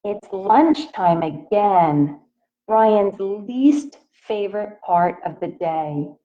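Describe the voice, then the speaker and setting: A woman teacher reads a picture book to young children at a slow, deliberate pace. Her pitch moves widely and expressively as she puts questions to the listeners. The recording is dull and slightly muffled. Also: lively intonation. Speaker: elementary school teacher reading aloud.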